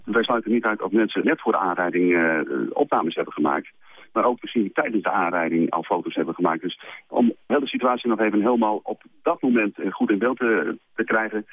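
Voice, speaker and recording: A man serving as a police spokesman, speaking haltingly and repeating himself. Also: lowish voice, no room sound. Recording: tinny phone-like line.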